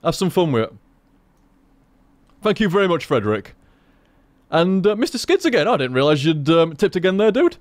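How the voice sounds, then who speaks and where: A man rambling through casual gameplay commentary, swearing freely and talking in an animated way. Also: on the high side, normal speed, long pauses, no echo. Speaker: gaming commentator.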